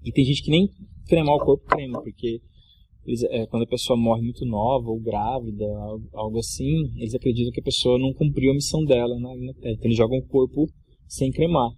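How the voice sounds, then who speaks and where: A middle-aged actor and comedian from Mato Grosso, Brazil, appears as a podcast guest, telling a travel anecdote in a loose, slangy, casual way and laughing often. His voice is medium-pitched, steady, warm and a little fast, with slight background noise.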